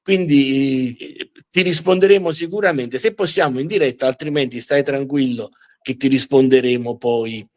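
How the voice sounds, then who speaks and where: A man hosting a live history show in unscripted talk, often pausing and repeating words as he searches for the right phrasing. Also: mid-range voice, a little mellow.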